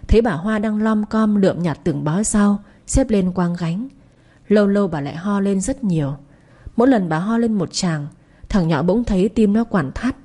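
A woman's voice: mid-range voice, mellow. A woman narrating a gritty audio story and voicing all of its characters herself. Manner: voices every character herself, rough and angry for the thugs.

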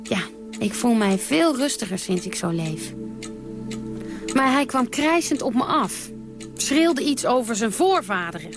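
A woman's voice: fairly high pitch, lively intonation, unhurried, over music. An actress playing a brash, defiant woman who tells of her wild nights in a theatrical radio monologue, blunt and dry with sudden outbursts.

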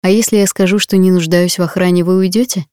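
A woman's voice: on the low side, fairly even intonation, fast talker, warm tone, dry recording, natural voice. A woman voicing a young female paramedic who speaks in a defiant, pleading way, close to tears.

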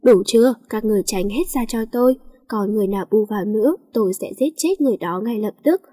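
A woman's voice: medium pitch, steady tone, a little fast, mellow, breathy edge, big-room sound, lightly acted. A woman voicing a cold, bossy male student who gives stern commands in a storybook reading. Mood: angry.

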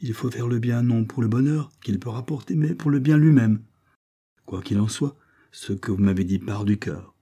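A man reading the lines of a gentle old parish priest in a storybook, in slow, measured speech. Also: mid-range voice, husky.

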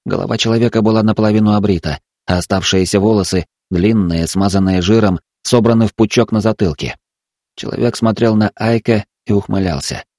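A man narrating a dramatic story in a measured reading. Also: fairly low pitch, a little mellow, no room sound, clean studio sound.

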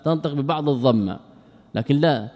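Another classical Arabic grammar teacher, speaking briskly in a slightly high, darkish voice, asks himself rhetorical questions and supplies the answers while drawing out and repeating example words. A long reverb tail follows his speech.

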